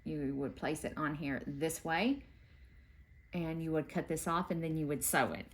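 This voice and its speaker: A middle-aged quilting video host, with a low voice at normal speed, explains a quilting block in her home sewing room. The casual tutorial has her chatting folksily while she keeps working.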